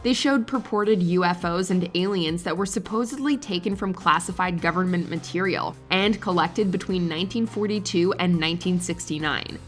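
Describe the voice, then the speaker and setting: A woman reading a scripted countdown narration in an even, measured way. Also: fairly low pitch, faint music behind.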